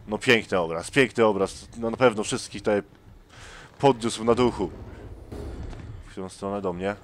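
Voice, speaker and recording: A man's voice: lowish voice, normal speed, a little hiss or hum. A man doing let's play commentary on a horror game, tense and jumpy, muttering to himself.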